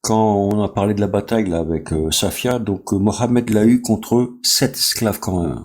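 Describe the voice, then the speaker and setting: A man's voice: lowish voice, moderate pace, darkish tone. A man in a casual live discussion, speaking in an informative way as he cites references.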